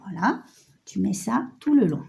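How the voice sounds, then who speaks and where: Nasal from a cold, a middle-aged woman hosts a relaxed sewing tutorial, talking viewers through her project on her phone camera in a chatty, self-mocking way. Her medium-pitched voice is expressive, unhurried, gravelly and warm.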